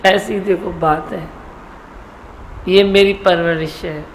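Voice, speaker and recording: A woman's voice: fairly low pitch, fairly even intonation, rough recording. A middle-aged woman guru giving a satsang talk to devotees, teasing and scolding them. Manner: scolding, teasing, slow and gravelly. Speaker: spiritual guru leading satsang. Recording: faint background noise.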